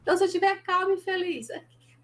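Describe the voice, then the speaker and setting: A high-voiced woman with a Brazilian Portuguese accent teaches a recorded university lesson. She is animated, with pitch that leaps up when she acts out example exchanges, then settles back into explanation. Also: fast. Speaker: university sign language lecturer. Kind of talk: recorded online lecture.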